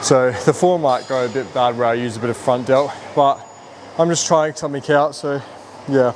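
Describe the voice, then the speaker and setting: A man's voice: medium pitch, normal speed. A man talking casually through their workout in a gym, explaining things in an informal, rambling way as a fitness vlogger. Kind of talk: casual workout vlog, explaining as they train. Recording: noisy room with ambient hum.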